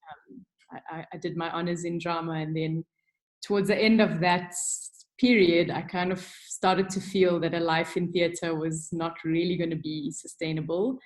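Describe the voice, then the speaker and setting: A woman with a lowish, steady voice at normal speed is a guest on a casual webinar, heard via video call. She's a middle-aged creative director from Durban, South Africa, and she talks frankly with many ums and restarts.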